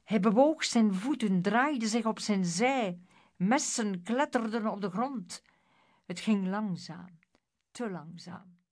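A woman narrating a children's story aloud in a measured, dramatic way. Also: medium pitch, lively intonation, a little mellow. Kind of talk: storybook reading.

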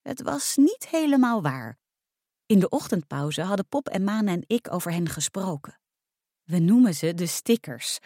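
A woman narrating a first-person storybook aloud in a lively, expressive reading. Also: medium pitch, no room sound, clean studio sound.

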